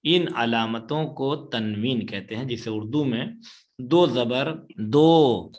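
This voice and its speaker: A man teaching Quran reading in an online class. He patiently repeats each rule, keeps checking that his students follow, and recites the Arabic examples slowly. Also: medium pitch, a little mellow.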